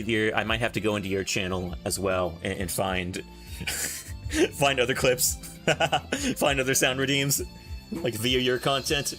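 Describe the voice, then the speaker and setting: Young guy streaming, chatty and excitable, laughs a lot, faint game music behind. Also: mid-range voice. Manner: chatty and excitable, laughs often, many restarts. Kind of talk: casual stream chat while gaming.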